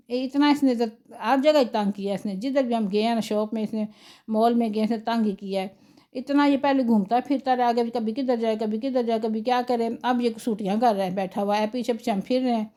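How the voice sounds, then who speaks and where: Chatty middle-aged woman vlogger, mellow. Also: fairly high pitch, fairly even intonation. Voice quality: chatty, rambling storyteller. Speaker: home-cooking vlogger. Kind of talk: casual vlog chat over footage.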